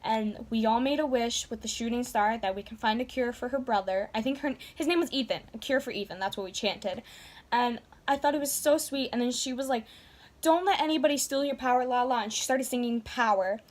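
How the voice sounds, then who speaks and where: Girl vlogging, kinda high voice, gushing, says like constantly. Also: brisk. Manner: gushing, heavy use of "like". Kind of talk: casual storytelling to camera.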